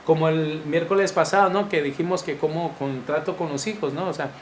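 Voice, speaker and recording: A man with a Mexican Spanish accent teaching a Bible lesson to men, animated and acting out the voices of wives and husbands. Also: on the high side, brisk. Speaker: church teacher. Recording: echoey room with faint noise.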